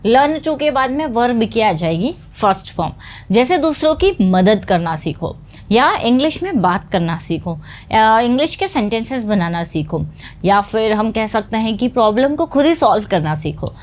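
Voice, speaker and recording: A woman's voice: on the high side, very animated. Patient woman teaching English phrases. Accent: Indian English. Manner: explains patiently, then says example phrases slowly. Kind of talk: spoken English lesson in Hindi.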